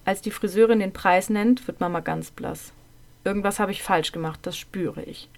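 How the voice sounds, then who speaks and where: In a calm, measured first-person telling, a woman recounts memories from her childhood, her phrases frequently trailing off softly. Her voice is gravelly and sits at a medium pitch.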